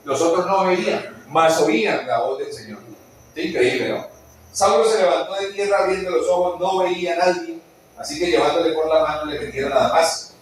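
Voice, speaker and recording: A man preaching a sermon in a church hall, animated and often putting questions to the congregation. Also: high-pitched, slight background noise. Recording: echoey church hall, mic at a distance.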